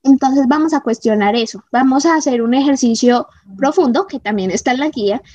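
A woman gives an emphatic motivational talk to viewers, often checking in with quick "¿sí?" and "¿mm?" asides. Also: high voice, mellow, no room sound, muffled recording. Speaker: motivational speaker.

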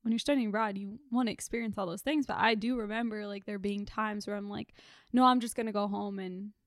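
A woman's voice: mid-range voice, fairly even intonation, fairly quick, no echo, clean studio sound. A young woman in her twenties chatting casually as co-host, telling a personal story with many fillers. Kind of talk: casual chat.

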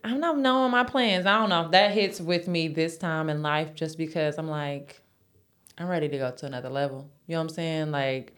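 A woman's voice: sits low, fairly even intonation, normal speed, fairly bright tone. A woman in her thirties, co-hosting a podcast in a playful, teasing casual chat. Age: 30s. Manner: playful, teasing, laughs often. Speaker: podcast co-host.

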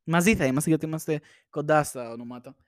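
A man's voice: a little high, dry recording, studio quality. A young man hosting a podcast, chatting casually and rambling with frequent laughs, indoors at home on a shared microphone. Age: young adult. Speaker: podcast host. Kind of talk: casual chat. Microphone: shared single microphone.

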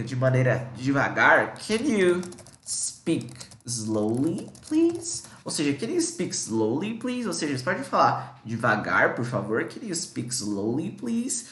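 A man with a Brazilian accent teaching English in a casual lesson, explaining in Portuguese and saying English phrases slowly. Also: on the high side, fairly bright tone, roomy sound, slight background noise.

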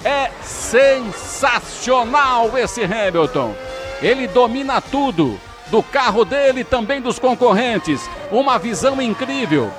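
High-pitched Brazilian man, excited motorsport commentator. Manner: dramatic, drawn-out exclamations. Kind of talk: excited live race commentary. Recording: radio broadcast with music behind. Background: music.

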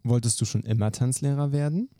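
A man hosting a podcast, firing off quick questions in a lively, brisk way. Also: medium pitch, no echo, studio quality. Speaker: podcast host. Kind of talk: quick-fire question interview.

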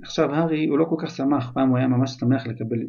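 A man with a gravelly, husky voice reads a storybook chapter aloud, retelling it loosely in an everyday, conversational way. The recording sounds dull and lo-fi. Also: mid-range voice, fairly even intonation, mellow.

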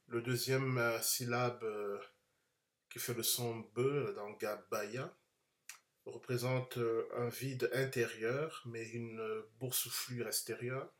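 A man giving an unscripted Bible lesson, explaining slowly and carefully with frequent hesitations. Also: medium pitch, fairly bright tone. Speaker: Bible teacher. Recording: echoey room.

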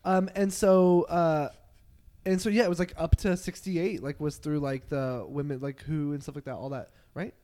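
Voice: medium pitch, fairly even intonation, normal speed, mellow, slight background noise. A young adult podcast host talking in a rambling, casual way, with lots of fillers and restarts. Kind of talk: casual chat.

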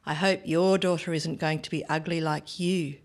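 A woman reading the lines of a cold, contemptuous controlling husband in a scripted story, her tone cutting and quietly scornful. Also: sits low, steady tone, moderate pace.

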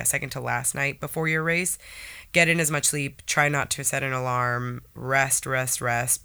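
A man with a bright, clear tone, a little nasal and sniffly from a cold. He talks in a chatty, upbeat way as a podcast co-host giving tips. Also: mid-range voice. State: stuffy nose from a cold. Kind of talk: casual chat.

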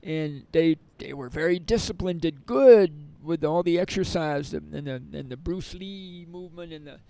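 A man's voice: on the high side, normal speed, gravelly, dark tone, low-quality recording. A middle-aged man who teaches yoga and meditation in prisons, telling stories in a rambling way with many restarts. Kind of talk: conversational storytelling interview.

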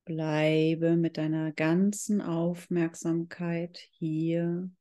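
A yoga instructor guiding a meditation in calm, measured, drawn-out phrases. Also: medium pitch. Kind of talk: slow guided yoga meditation.

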